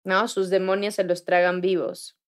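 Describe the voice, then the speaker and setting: A woman's voice: medium pitch, flat delivery, normal speed. A woman with a Mexican accent in casual podcast chat, musing as she talks. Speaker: podcast co-host.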